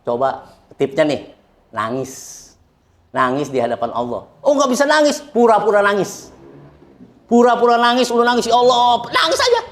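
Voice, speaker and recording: A man's voice: high voice, expressive, moderate pace, long pauses. A middle-aged man from Indonesia, a guest talking bluntly and joking as he tells his story. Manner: blunt, joking, laughs often, preachy. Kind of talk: casual chat.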